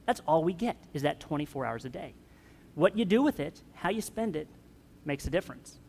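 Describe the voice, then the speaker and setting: A man preaches a relaxed, joking sermon and asks his congregation easy questions. His voice sits a bit high for a man. The sound trails off in the long reverb of a church hall. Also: a little fast, vocal fry. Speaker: pastor.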